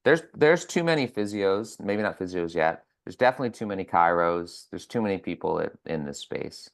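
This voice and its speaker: A man's voice: deep voice, expressive, brisk, gravelly. A man, a physiotherapist and educator, guesting on a casual podcast, talking bluntly, swearing and often starting over.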